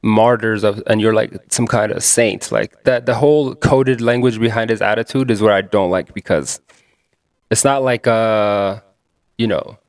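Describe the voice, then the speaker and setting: A man's voice: fairly low pitch, steady tone, normal speed. A man co-hosting a casual podcast, talking in blunt, slangy banter and laughing easily. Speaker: podcast co-host. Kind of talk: casual chat.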